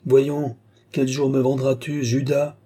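A man's voice: medium pitch, normal speed, mellow, slightly rough, lightly acted. A man voicing a suspicious, touchy older male philosopher in an audiobook, hurling accusations and lamenting his betrayals. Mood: indignant. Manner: accusing, self-pitying outbursts.

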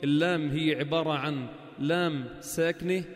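A man's voice: fairly high pitch, steady tone, moderate pace. A man teaching a Quran recitation class, quizzing students and stretching out example words. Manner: questions the class, then drawls out example words. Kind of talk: classroom lesson. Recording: long hall reverb.

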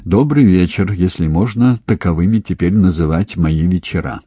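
A man's voice: low-pitched, normal speed, warm tone, slightly rough, no echo, studio quality. A man voicing a stern, domineering middle-aged husband who speaks imperiously and with indignation, in an audiobook. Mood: indignant.

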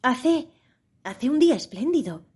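A woman puts on a nervous little storybook rabbit with a small, frightened voice, kept low and urgent. It sits well above her reading voice, thin and high. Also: very animated, unhurried, a little mellow, slightly rough, heavily acted. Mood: timid. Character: timid, anxious little male rabbit.

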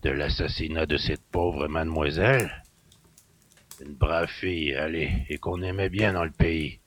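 An actor playing a gruff, suspicious country innkeeper who grumbles in rustic speech. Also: male voice, steady tone, a little slow, fairly bright tone, exaggerated voice. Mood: grumbling. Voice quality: gravelly, low and husky. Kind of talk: audio drama acting.

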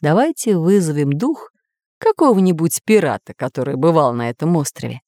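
A woman voicing a sensible male professor in a children's story, speaking lower and measured. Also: expressive, a little mellow, no echo, studio quality. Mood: calm. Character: sensible older male professor, calm and thoughtful.

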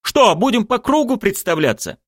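Guy doing a mouthy sarcastic young woman, way up high, bouncy. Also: big pitch swings, normal speed, no room sound, clean studio sound. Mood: mocking. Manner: scornful, sarcastic, shouting. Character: brash sharp-tongued young woman activist.

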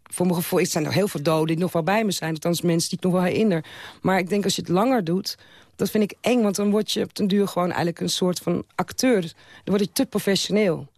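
A woman's voice: fairly low pitch, fairly even intonation, quick pace, a little mellow, no echo, clean studio sound. A woman guest who used to work as an undertaker, talking frankly and reflectively in a casual interview, often restarting her sentences.

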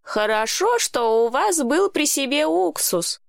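A woman reading an audiobook, voicing a wry, steady grown woman calming a hurt boy. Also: high voice, slow pace, creaky, no room sound, clean studio sound, voice pushed up, heavily acted. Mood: reassuring. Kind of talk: audiobook character voice.

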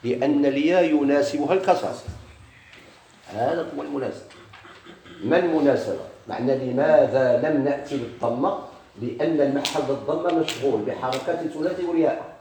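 Brief: Moroccan-accented male grammar teacher, quick delivery, quizzes himself aloud, echoey room. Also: medium pitch, mellow, a little hiss or hum. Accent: Moroccan Arabic. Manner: poses questions and answers them himself. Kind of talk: classroom grammar lesson.

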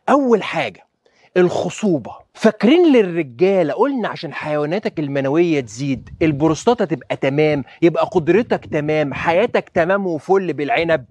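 This man, an Egyptian Arabic-accented doctor, keeps throwing rhetorical questions at his audience during an energetic health talk. His pitch leans high, and there's no room sound at all.

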